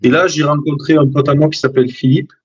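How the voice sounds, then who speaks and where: A man's voice: fairly high pitch, fairly even intonation, fast talker, slightly rough. A man talking as a guest over a video call, hesitant and restarting with many fillers. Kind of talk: casual chat. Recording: dull, lo-fi video call audio.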